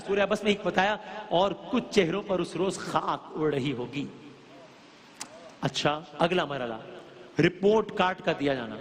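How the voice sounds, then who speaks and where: Religious speaker, woman, earnest lecturing tone, asks listeners rhetorical questions, voice carried by a long hall reverb. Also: mid-range voice. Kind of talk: religious lecture explaining scripture.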